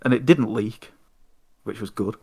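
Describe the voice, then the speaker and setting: Young dude on a podcast, swearing constantly, ranting about a bad day. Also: male voice, lowish voice, a little slow, vocal fry, darkish tone, husky. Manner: sweary, exasperated ranting anecdote. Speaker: podcast host. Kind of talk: casual storytelling chat.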